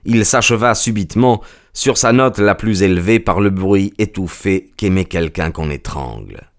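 A man narrating a story aloud in a steady, measured reading. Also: low voice. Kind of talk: audiobook narration.

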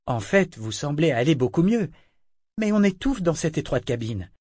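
A man's voice: a little high, big pitch swings, moderate pace, a little mellow, no echo, voice pushed up. A man reading the lines of a wary young woman who forces herself to stay polite. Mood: coaxing.

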